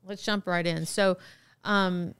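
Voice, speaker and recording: A woman's voice: fairly low pitch, fairly even intonation, takes it slowly, a bit bright, clear, resonant tone, no room sound. A woman co-hosting a podcast, teasing playfully and laughing a lot in casual chat. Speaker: podcast co-host.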